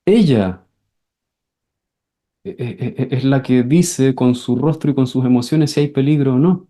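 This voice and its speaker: A man's voice: medium pitch, unhurried. Man teaching an enneagram class. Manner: acts out scenes with sudden shouted voices, repeats words. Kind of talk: class lecture with questions and answers.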